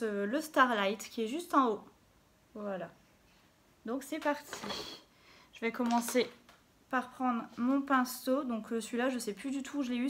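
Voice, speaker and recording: A woman talking casually through her makeup routine as a beauty vlogger, chatty and dropping little interjections as she works. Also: a little high. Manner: chatty, fills gaps with little interjections while working. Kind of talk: casual makeup tutorial talk. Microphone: phone camera.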